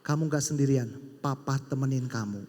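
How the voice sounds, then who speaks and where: A man's voice: sits high, lively intonation, normal speed. A man voicing a stern but loving father who disciplines his small daughter with firm commands, in a reverberant hall. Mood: gentle. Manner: firm, commanding, then gentle.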